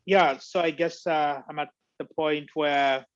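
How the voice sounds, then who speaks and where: A man's voice: fairly high pitch, fairly even intonation, measured pace, dry recording. Zambian man, 40s, hesitant self-introduction, dry muffled call audio. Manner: thoughtful, hesitant, many fillers. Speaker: webinar participant.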